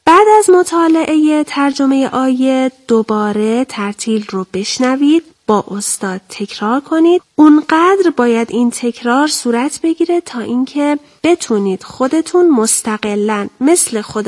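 Brief: woman teacher-host in a TV studio, raised pitch, careful and deliberate delivery. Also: lively intonation, darkish tone. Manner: careful, deliberate, slows down for quoted verses. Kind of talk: televised Quran memorization lesson.

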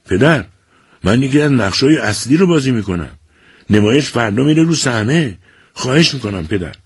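A man reading an audiobook and voicing an eager, theatrical teenage boy who talks with excitement and dramatic declaiming. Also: medium pitch, husky, no echo, pitched above the performer's own voice. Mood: pleading.

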